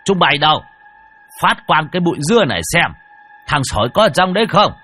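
A man voicing a gruff, bossy old village shaman who barks orders in a blustery way. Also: on the low side, very animated, moderate pace, sharp tone, heavily acted.

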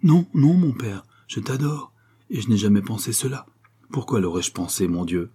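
A man's voice: fairly low pitch, lively intonation, normal speed, mellow, breathy edge. A man voicing an anxious, devoted eight-year-old girl in a storybook reading, talking earnestly and pleadingly.

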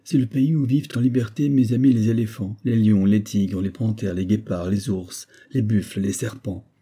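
A man's voice: steady tone, moderate pace, mellow, slightly rough. A man voicing a boisterous, hunting-mad army captain in an audiobook, exclaiming in a raised voice. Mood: exuberant. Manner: exclaiming, raised and higher than the narration.

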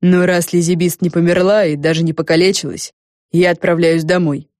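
A woman's voice: fairly low pitch, flat delivery, a little fast, a little mellow, no room sound, clean studio sound, lightly acted. Woman doing a brash careless witch girl. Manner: brash, dismissive.

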